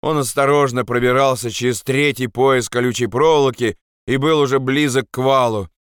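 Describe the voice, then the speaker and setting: Man narrating an audiobook, bright and clear. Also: medium pitch, fairly even intonation, normal speed, no room sound, clean studio sound.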